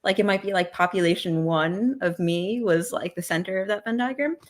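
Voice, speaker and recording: A woman's voice: lowish voice, fairly quick. Chatty woman author, casual and self-deprecating. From United States. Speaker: author guest. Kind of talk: casual livestream interview chat.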